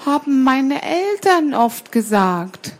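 A tiny, timid sparrow chick, as a woman reading a storybook puts it on, polite and anxious. The voice is pitched very high and thin, well above an ordinary speaking voice. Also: very animated, slow pace, full character voice. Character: small polite fearful sparrow child.

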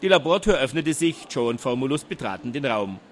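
A man narrating a storybook audiobook in a lively way, doing all the voices himself. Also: medium pitch, brisk, a little hiss or hum.

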